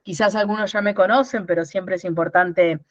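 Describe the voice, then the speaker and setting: A woman's voice: medium pitch, fairly even intonation, fairly quick, dry recording, muffled recording. A woman in her thirties from Rosario, Argentina, with a Rosario accent, explaining things in an online workshop and often checking in with "¿no?". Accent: Rosario Argentine Spanish. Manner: explanatory, repeats words and asks "¿no?". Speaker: workshop instructor.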